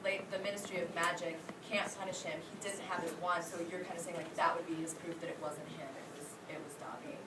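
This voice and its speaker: This elementary school teacher has a lowish voice and fairly even intonation, speaking fast with few pauses. She reads aloud to her class in an interactive way, asking the children questions, captured on a distant mic in a roomy, clearly noisy space.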